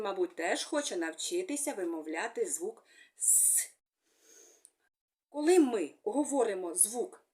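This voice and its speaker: Gentle sing-song woman teaching children. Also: fairly high pitch. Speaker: speech therapist. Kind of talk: children's speech lesson.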